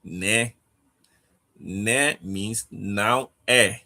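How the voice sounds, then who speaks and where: Slow gravelly guy teaching a language class, low voice, keeps asking okay?. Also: bright, forceful tone. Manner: halting, repeats "okay?" to check understanding. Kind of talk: casual online lesson.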